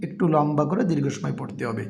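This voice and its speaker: Guy teaching quran letter by letter, slightly high voice, faint hiss in the back. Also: expressive, gravelly. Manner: spells each letter and vowel aloud, then recites slowly. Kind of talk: step-by-step Quran reading lesson.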